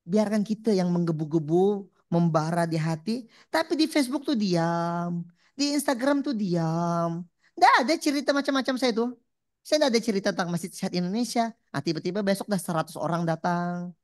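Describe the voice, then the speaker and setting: A woman preacher giving a lively religious talk, punchy and repetitive, often asking the audience questions. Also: fairly low pitch, a little fast. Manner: punchy, repeats catchphrases, asks the audience questions.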